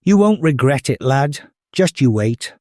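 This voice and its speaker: Man doing a sly old storybook stranger, unhurried. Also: medium pitch, sing-song, a little mellow, no room sound, clean studio sound. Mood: coaxing. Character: mysterious sly old man peddling magic beans. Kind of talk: children's storybook character voice.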